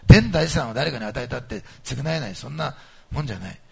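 The pastor's mid-range voice sounds gravelly and husky as he preaches a little fast to his congregation. Animated and emphatic, he swings between soft asides and loud emphasis.

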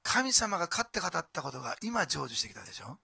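A male pastor with an Osaka accent, preaching a sermon and asking the congregation rhetorical questions. He swings from hushed whispers to loud exclamations. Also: a little high, sing-song, fast talker, vocal fry, breathy edge, no room sound.

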